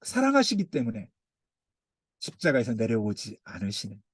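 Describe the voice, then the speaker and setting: A man preaching a sermon as pastor, swinging from loud pleading to hushed, near-whispered lines. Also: lowish voice, huge pitch swings, normal speed, slightly rough, dry recording, clean studio sound. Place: church.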